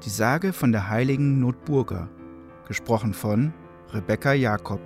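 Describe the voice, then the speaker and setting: A man's voice: mid-range voice, normal speed, darkish tone, soft background music. A man formally announcing a podcast episode's title and reader.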